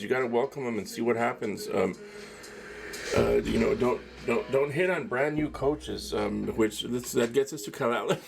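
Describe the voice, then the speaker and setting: A man with a gravelly, fry-edged voice at an ordinary pitch, hosting his own casual sports talk show. He rambles and restarts, tosses in "uh" and "man" constantly, and gives his opinions bluntly. Faint music plays behind him. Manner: rambling, frequent fillers, ends phrases with "man"; candid, opinionated commentary. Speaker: podcast host.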